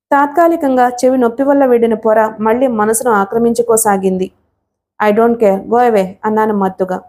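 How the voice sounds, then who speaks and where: A woman narrating an audiobook with steady, even storytelling. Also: a little high. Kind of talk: scripted narration.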